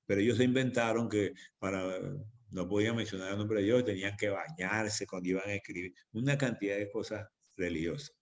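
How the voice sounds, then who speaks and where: A man's voice: fairly low pitch, steady tone, brisk. A man preaching as pastor in a church, teaching on prayer with emphatic repetition. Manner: emphatic, repeats phrases for stress.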